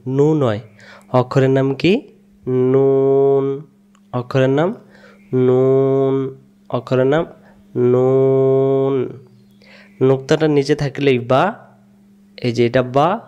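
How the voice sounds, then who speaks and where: A man's voice: medium pitch, warm tone, highs cut off. A man with a Bangladeshi Bengali accent teaching Quran reading, spelling out syllables and repeating each one several times, and asking quiz questions that he answers himself. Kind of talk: slow spelled-out recitation lesson.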